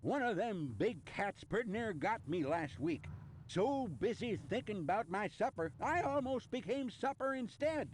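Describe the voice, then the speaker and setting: An actor playing a folksy frontier hunter in a computer game, talking in a rustic drawl. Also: male voice, high voice, animated, normal speed, slight background noise, rough recording. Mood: folksy, advising. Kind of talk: scripted game character dialogue.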